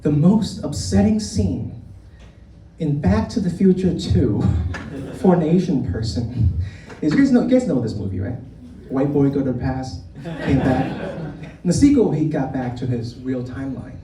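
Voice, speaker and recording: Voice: mid-range voice, lively intonation, normal speed, dark tone. A comedian born in Vietnam doing a live stand-up set, teasing the crowd and talking straight to them. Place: comedy club stage. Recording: roomy live club from far off, audience noise.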